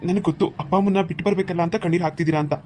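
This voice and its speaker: A woman's voice: fairly low pitch, steady tone, racing, background noise, voice pushed down, close to an everyday voice. A woman voicing a smug, reassuring older man, a bald groom, in a cartoon. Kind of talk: cartoon voice acting.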